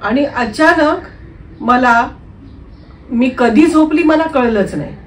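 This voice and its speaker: A woman telling her own true ghost story in an unscripted, conversational way, often clearing her throat and using fillers. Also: sits high, takes it slowly, distant mic, slight background noise. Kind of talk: first-person true story narration.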